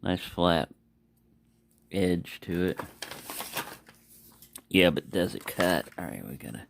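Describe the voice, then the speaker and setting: Low-pitched and animated, this man takes his time, his voice showing vocal fry over a slight hiss or hum. He's reviewing a knife without a script, drifting between points, fixing his own words, and muttering asides.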